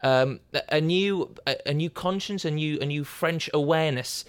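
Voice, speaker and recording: A man's voice: a little high, normal speed, clean tone, no echo. A British man hosting a comedy podcast, chatting and interviewing in a jokey, teasing way. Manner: jokey, teasing, laughs readily. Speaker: podcast host. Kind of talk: comic interview chat.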